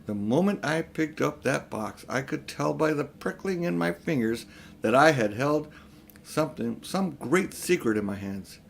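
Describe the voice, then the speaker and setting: A man's voice: fairly high pitch, expressive, unhurried, gravelly, slight background noise. A man voicing a pompous, scheming old uncle, a self-important magician with a grandiose, condescending way of talking. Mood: confiding. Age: older.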